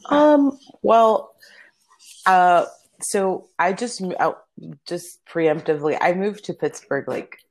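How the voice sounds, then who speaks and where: In poor audio, a woman in her thirties, an opera soloist whose native language is Spanish, tells stories casually as an interview guest. She speaks slowly in a lowish, sing-song voice.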